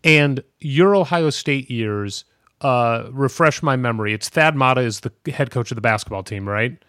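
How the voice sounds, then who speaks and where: A man's voice: mid-range voice, animated, moderate pace, fairly bright tone, no echo. Conversational male podcast host, dry sound. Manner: conversational, long winding questions. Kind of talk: casual podcast interview.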